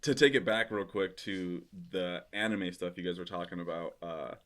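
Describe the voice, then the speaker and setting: A man whose first language is Spanish, speaking as a podcast guest in an articulate, measured way without slang. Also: deep voice, a crowd in the background. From United States. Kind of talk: casual podcast chat.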